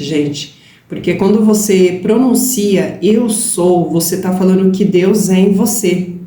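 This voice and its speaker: A woman co-hosting a spiritual talk, explaining calmly and affirming her partner's points. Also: on the low side. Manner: calm, affirming explanations with "gente" and "né?". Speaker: spiritual channel co-host. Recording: roomy with faint background hiss.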